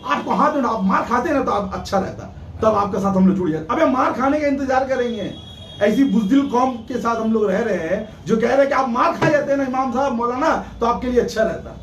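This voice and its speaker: A man, a cleric, giving an agitated eyewitness account to a reporter, fast and indignant, acting out the exchanges he quotes. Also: extremely high pitch, a little hiss or hum. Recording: echoey, distant mic with faint ambience.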